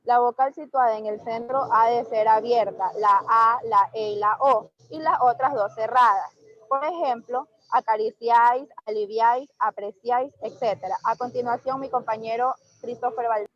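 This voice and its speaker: A woman's voice: a little high, normal speed, a bit bright, lo-fi sound. A woman student reading her part of a class presentation plainly, then handing over to the next speaker.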